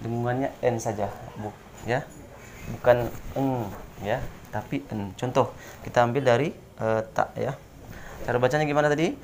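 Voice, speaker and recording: A man's voice: medium pitch, fairly even intonation, slight background noise. Man teaching tajwid with frequent "nah, ya". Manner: explains step by step with frequent "nah" and "ya" fillers; spells out Arabic letters slowly one by one. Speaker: Quran recitation teacher. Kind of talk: tajwid lesson at a whiteboard.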